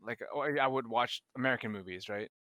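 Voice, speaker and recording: Casting: young male co-host from Hong Kong, native Cantonese speaker, bright and punchy, swears freely. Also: medium pitch, fast, no room sound. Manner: animated, swearing, frequent restarts. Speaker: podcast co-host. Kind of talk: casual chat.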